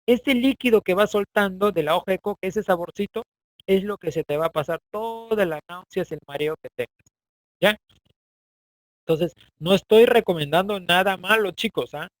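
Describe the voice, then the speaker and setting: High-voiced Peruvian teacher, dry sound. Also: male voice, normal speed, dry recording, poor audio. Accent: Peruvian Spanish. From Peru, Andean highlands. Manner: chatty, asks students for agreement. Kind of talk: online class lecture.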